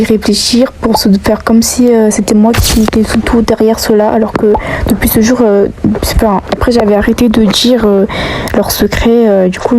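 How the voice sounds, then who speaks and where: A woman's voice: mid-range voice, background noise. A woman telling a storytime vlog, hesitant and full of fillers, often dropping to a half-whisper. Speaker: YouTuber telling online drama.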